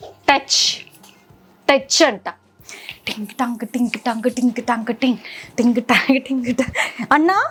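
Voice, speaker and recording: A young woman, a mother and vlogger, talking to her toddler at home in playful sing-song baby talk. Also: sits high.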